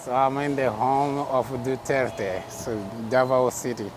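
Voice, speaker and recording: A man with a mid-range voice and fairly even intonation narrates a casual travel vlog at a busy outdoor city market, speaking unhurriedly. He's chatty, laughs often, and talks with passers-by, with street noise all around.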